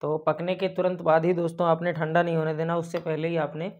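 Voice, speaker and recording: A man's voice: fairly high pitch, monotone, fairly quick, a little mellow. A young man, host of a baking channel, talking viewers through a recipe step by step and addressing them as friends over and over. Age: young adult. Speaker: baker and cooking channel host. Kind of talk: cooking tutorial voice-over. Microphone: lapel mic. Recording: dull lo-fi sound.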